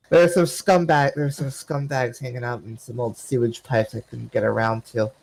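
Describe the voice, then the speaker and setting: A man narrating as game master of a tabletop game, hesitant and full of pauses. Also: medium pitch, flat delivery, creaky, darkish tone, low-quality recording. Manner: hesitant, lots of uh and restarts.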